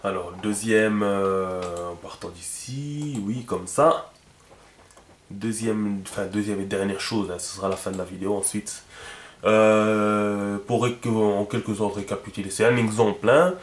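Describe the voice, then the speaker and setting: A man explains a lesson in a loose, conversational way, stopping for fillers, repeating words and asking his listeners if they follow. His voice sits low. The recording is echoey, as if made in a bare room, and he sometimes drifts away from the mic. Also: steady tone, unhurried, a little hiss or hum. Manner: thinks aloud, many fillers and repeated words, checks in with listeners. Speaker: teacher.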